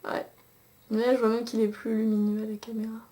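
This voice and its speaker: With a warm tone and fairly high pitch, this beauty vlogger talks briskly in a completely flat delivery. She's a young woman doing a casual, chatty eyeshadow review with swatches into a camcorder mic, with many fillers and restarts.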